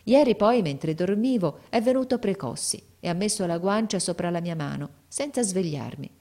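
Woman narrating a classic novel, low-toned. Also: lively intonation, moderate pace, dark tone. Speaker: audiobook narrator. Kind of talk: literary audiobook narration.

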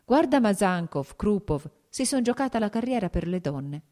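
A woman's voice: mid-range voice, very animated, moderate pace, mellow, voice pushed up, close to an everyday voice. A woman reading a worldly persuasive officer.

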